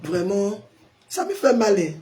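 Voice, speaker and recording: A pastor hosting a live stream, hoarse from a sore throat and forcing his voice out as he chats with viewers and answers their comments. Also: high-pitched, big pitch swings, unhurried, mellow. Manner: chatty, greets viewers by name and answers comments.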